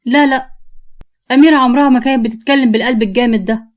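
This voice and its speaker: A woman's voice: a little high, steady tone, very fast, natural voice. A woman with an Egyptian accent voicing a weary, bitter older mother speaking from her sickbed. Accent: Egyptian Arabic.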